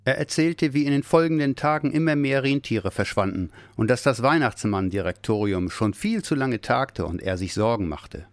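A man reading a children's Christmas story aloud, expressive and lively. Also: medium pitch, normal speed, few pauses, no room sound. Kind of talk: scripted narration of a children's story.

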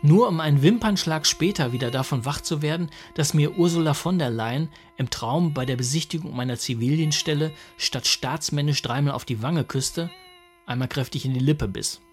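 A man's voice: a little high, normal speed. A man reading a humorous first-person story aloud in a dry, wry manner. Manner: dry, wry comic narration. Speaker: narrator.

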